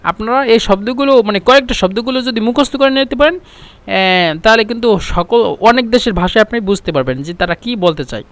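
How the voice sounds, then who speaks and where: A man's voice: very high voice, expressive, fast, fairly bright tone, no room sound. A man teaching spoken Arabic phrases in a casual lesson, repeating each phrase and explaining it with small hesitations.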